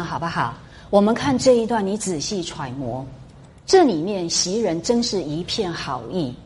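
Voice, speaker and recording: A woman lecturing on a classic novel, animated and often asking her listeners questions as she retells scenes. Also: on the low side, slight background noise. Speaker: literature lecturer.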